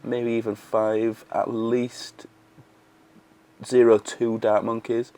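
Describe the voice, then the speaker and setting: A man's voice: medium pitch, slow pace. A man losing his voice, giving casual running commentary over a strategy game he is playing. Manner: relaxed slangy running commentary. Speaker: gaming video creator.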